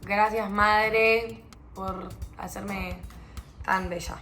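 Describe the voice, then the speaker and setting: A woman's voice: mid-range voice, level tone, extremely slow, sharp tone. A young woman from Argentina with a Rioplatense accent, chatting casually and self-mockingly to camera in a home vlog. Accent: Rioplatense Argentine Spanish. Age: young adult. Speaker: vlogger. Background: music.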